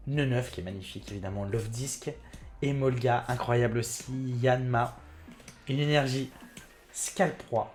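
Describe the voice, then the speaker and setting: A man hosting his own card-opening video, chatting excitedly and talking straight to his viewers. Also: mid-range voice. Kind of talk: casual card unboxing commentary.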